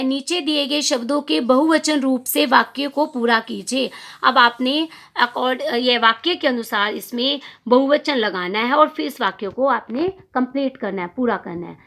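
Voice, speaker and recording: A woman's voice: high voice, a little slow, a bit bright. A young adult woman teaching a Hindi grammar lesson, asking the class questions and answering them herself.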